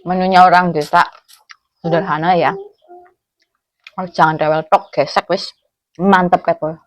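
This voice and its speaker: A woman with a low voice and a Javanese accent from Cilacap chats casually through mouthfuls of food. She hums between phrases as she eats, and the sound is close and dry. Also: fairly even intonation, normal speed, no echo. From Cilacap, Central Java, Indonesia. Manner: talks with mouth full while eating, with savouring hums. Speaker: food vlogger. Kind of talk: casual eating chat, mukbang.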